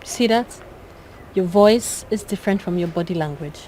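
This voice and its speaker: A woman plays a friend with a Nigerian accent who gently presses her point. Her voice sits slightly low, with faint ambience behind the film drama. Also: moderate pace, a little hiss or hum, close to an everyday voice. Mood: coaxing. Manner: probing, coaxing.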